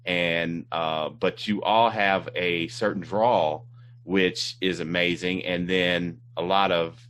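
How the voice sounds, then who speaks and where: A man's voice: sits low, fairly even intonation, slow, fairly bright tone, a little hiss or hum. A man from Indiana hosting a casual interview, rambling with many fillers and restarts. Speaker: talk show host.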